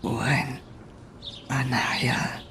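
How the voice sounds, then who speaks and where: A woman's voice: rumbling low, little pitch movement, extremely slow, noisy background, voice pushed down, full character voice. A woman voicing a frail patient who is just getting a weak, whispery voice back, in a radio drama. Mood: weak, grateful. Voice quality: breathy whisper, weak and strained. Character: frail patient regaining a lost voice.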